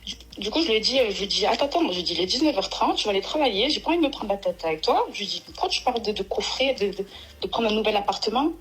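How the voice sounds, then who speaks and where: On a low-quality phone recording, a caller races through a long, emotional personal story, rambling and repeatedly starting over. Her voice is medium-pitched and animated.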